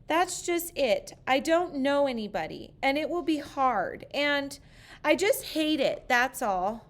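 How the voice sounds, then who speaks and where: A nervous grown woman whines and pleads in a high, strained voice, as a storyteller puts her on. She drags out her words slowly, as in a storybook. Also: lively intonation. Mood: whiny. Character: anxious woman dreading her first day, whiny.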